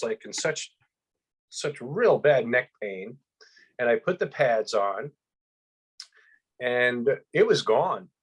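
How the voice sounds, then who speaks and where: A man in casual chat, telling his own experience in an excited, rambling way with many restarts. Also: mid-range voice, slightly rough. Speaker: guest. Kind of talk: casual chat, personal testimony.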